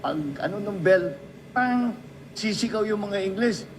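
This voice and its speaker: Filipino-accented man, high-pitched, anecdotal tribute speaker with faint background noise. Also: a little slow, poor audio. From Philippines. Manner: storytelling, addresses the listener directly. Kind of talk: anecdotal speech.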